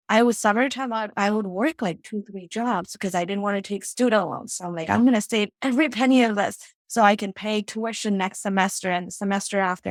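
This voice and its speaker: Her medium-pitched voice comes across dry and close with no echo as this Fijian woman, a financial strategist, guests in a casual interview conversation. She tells her story reflectively, often adding "right?" and "you know".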